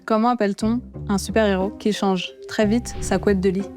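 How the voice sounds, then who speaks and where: Mid-pitched woman in casual banter. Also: fairly even intonation, moderate pace. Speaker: contestant telling jokes. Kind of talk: casual banter and riddle telling. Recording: clear music behind the voice.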